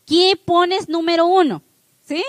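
Middle-aged woman, high voice, preacher with a homely, lively delivery, close dry sound. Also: slow, no echo. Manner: lively, homely, with frequent "¿sí?" check-ins. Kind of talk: church talk to a congregation.

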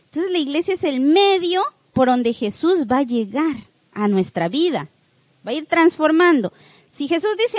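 A woman's voice: high-pitched, no room sound. A woman giving a parish catechesis talk, chatty and full of rhetorical questions to her listeners.

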